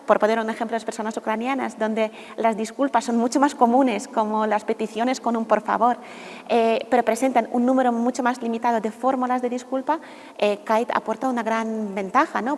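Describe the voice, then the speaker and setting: A woman, a researcher explaining in a measured, academic way. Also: on the high side, a little mellow, big-room sound. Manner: measured, academic, uses hesitation fillers. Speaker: university researcher. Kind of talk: explanatory radio interview answers.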